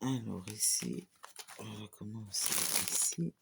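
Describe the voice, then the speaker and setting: A woman hosting a casual unboxing vlog for her hobby channel, talking in a halting, hesitant way full of fillers and restarts, filmed away from home on a camera set on a small tripod. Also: extremely low pitch, expressive, vocal fry, heavy background noise.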